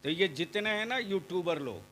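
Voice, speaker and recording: A man preaching a fiery sermon at an outdoor gathering, questioning the crowd and rising into shouts. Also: high-pitched, expressive, moderate pace, slight background noise. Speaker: Islamic preacher.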